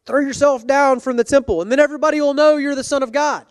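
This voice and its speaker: A man's voice: extremely high pitch, steady tone, quick pace, no echo, clean studio sound, pitched above the performer's own voice. A man in a sermon voicing an insinuating tempter who coaxes and persuades toward an easy, selfish path. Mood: coaxing. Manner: coaxing, persuasive.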